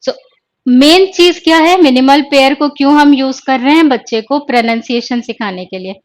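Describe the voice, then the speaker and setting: High-voiced woman teaching a live lesson. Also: moderate pace. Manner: explains step by step, asks questions and answers them herself; mixes English terms into her talk. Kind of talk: live online exam-prep lesson.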